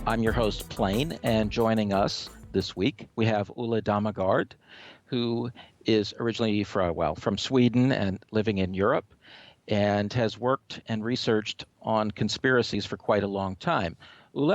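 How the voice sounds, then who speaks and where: A man's voice: on the low side, a little slow, no room sound. Radio host guy asking questions, lots of ums, dry sound, a bit of music in the back. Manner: hesitant, many fillers. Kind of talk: radio talk show hosting.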